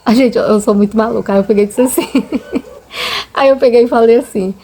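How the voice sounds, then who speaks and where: A woman's voice: fairly high pitch, brisk, mellow. Earnest Brazilian woman telling her testimony. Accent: Brazilian Portuguese. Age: adult with children. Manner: emotional, earnest, often says "gente" to the viewers. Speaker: channel host sharing a faith testimony. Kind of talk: personal religious testimony, casual storytelling.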